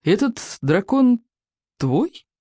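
Reader playing a viking chief, bellowing, commanding, shouted high, lively, storybook. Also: a little fast, no room sound. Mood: stern. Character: huge booming Viking chief, gruff father.

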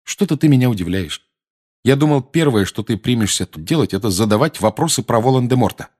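A man reading aloud and voicing a grown wizard who speaks calmly and coldly but also with defiance. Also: mid-range voice, a little fast, voice pushed up, close to an everyday voice. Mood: cool. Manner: calm, cold, and sometimes irritated. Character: cool, defiant grown wizard, godfather type.

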